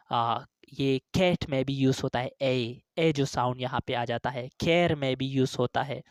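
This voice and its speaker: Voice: medium pitch, no echo, studio quality. An English teacher explaining phonetic symbols, who ends nearly every phrase with "okay", draws out hesitant fillers, and repeats each sound and example word several times.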